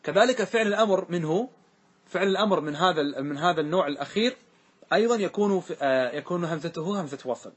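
Male teacher, slightly husky, higher voice, checks in with the class often. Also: lively intonation, quick pace. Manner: questioning students, repeating answers. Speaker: teacher explaining grammar verses. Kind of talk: classroom lesson.

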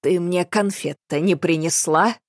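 Old woman in a hospital bed, plaintive and plain-spoken, read by a woman, low voice. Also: a little slow, no echo, clean studio sound.

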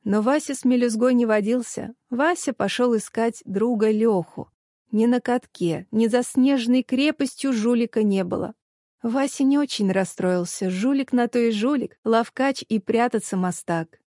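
A woman calmly reading a children's story aloud. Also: fairly high pitch, normal speed, dry recording, clean studio sound. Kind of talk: storybook narration.

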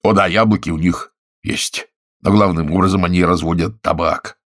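Scheming stout husband read by a man, deep, husky, hushed and secretive, audiobook. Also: steady tone, moderate pace. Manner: hushed, conspiratorial, often half-whispered.

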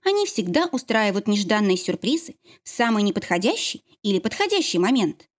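A woman's voice: mid-range voice, sing-song, fairly quick, natural voice. Woman doing a caring young mother. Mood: reassuring. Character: caring young mother and priestess, warm friend.

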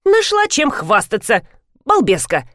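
A woman's voice: a little high, wildly swooping pitch, a little slow, dry recording, clean studio sound, voice pushed up. A woman reading an audiobook, voicing a grumbling, pompous grey-haired old man. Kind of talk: audiobook character voice.

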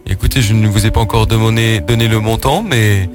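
A man's voice: lowish voice, brisk, over music, lightly acted. A man doing a serene, overly polite new-age guru. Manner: calm, formal, overly courteous. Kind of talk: radio prank call.

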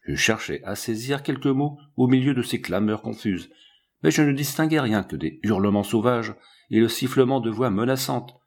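A man reading an audiobook aloud in an expressive storytelling manner, with a husky voice. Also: medium pitch, normal speed. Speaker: audiobook reader. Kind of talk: audiobook narration.

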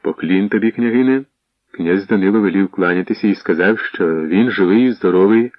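A deferential armored messenger, reporting respectfully and plainly, as a male narrator reads him. His voice is low and dry. The recording has a dull, lo-fi sound. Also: fairly quick, dry recording.

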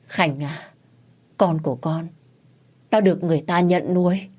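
A woman's voice: a little slow, darkish tone. A woman voicing a desperate middle-aged wife and mother who pleads and cries out. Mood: dying, pleading. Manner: pleading, shrill, frantic.

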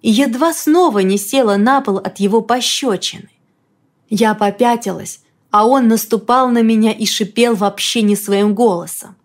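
A woman reading a first-person novel aloud in a lively, expressive storytelling manner. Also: fairly high pitch, normal speed. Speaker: audiobook reader. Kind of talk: first-person audiobook narration.

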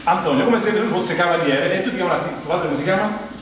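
Fast-talking and high-pitched, a middle-aged man from Rome with a Roman Italian accent rambles through a humorous stage monologue, animatedly telling stories, voicing quoted dialogue, and addressing the audience. The sound is a very echoey hall picked up by a distant mic, with clear background noise.

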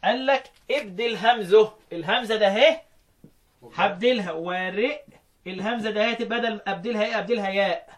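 An Egyptian man teaching Quran recitation, quizzing his students and slowly chanting verse lines between his explanations. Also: high-pitched. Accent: Egyptian Arabic. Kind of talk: interactive classroom lesson.

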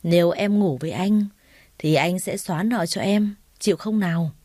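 A smug, lecherous loan shark, read by a woman in a mellow, warm voice, leaning on slow, leering threats. Dry and close, with no room sound around the storybook reading. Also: on the low side, no echo, close to an everyday voice. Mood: leering, menacing.

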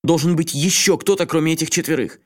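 A man's voice: fairly high pitch, quick pace, pitched above the performer's own voice, lightly acted. A man voicing a frantic male journalist who pleads with a friend in a raised, agitated voice. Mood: desperate.

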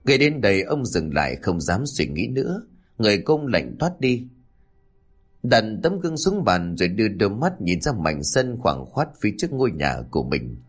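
Low-voiced male storyteller. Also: big pitch swings, moderate pace, husky. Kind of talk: scripted story narration. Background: faint background music.

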